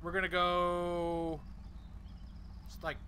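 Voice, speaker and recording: A young man narrating his gameplay in a loose, off-the-cuff way, his voice sitting a little high for a man. He mutters menu options and reacts as he goes. Engine and vehicle noise from the game runs clearly behind him. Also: completely flat delivery, takes it slowly, sharp tone. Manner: casual, thinking aloud, reads menu items. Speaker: gaming channel host. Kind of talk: let's play commentary.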